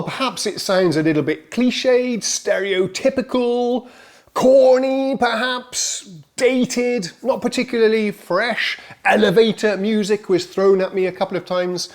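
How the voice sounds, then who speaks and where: A man hosting his own music channel, talking casually to camera in a chatty, self-mocking way. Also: high voice. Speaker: host. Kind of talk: casual presenter talk to camera.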